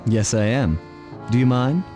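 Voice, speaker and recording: A man's voice: mid-range voice, unhurried, music in the background, natural voice. Man playing Sly Cooper, suave raccoon thief. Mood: suave, flirtatious.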